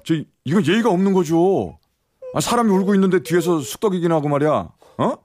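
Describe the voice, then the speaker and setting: A man's voice: high-pitched, animated, quick pace, darkish tone. An actor playing a flustered young male shop clerk who stammers, in a radio drama. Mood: indignant.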